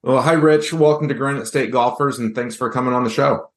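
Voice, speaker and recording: A man's voice: medium pitch, brisk. A man from New Hampshire hosting a golf podcast, reading his intro and then interviewing his guest in a friendly way. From New Hampshire, USA. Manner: friendly, reads a prepared intro. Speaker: podcast host.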